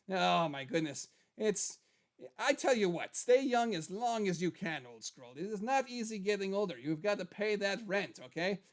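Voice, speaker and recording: A man's voice: sits high, lightly acted. A man voicing a chatty skeleton show host in casual livestream talk, rambling and repeating phrases for emphasis. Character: animated skeleton character, chatty male puppet show host. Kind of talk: casual in-character livestream chat.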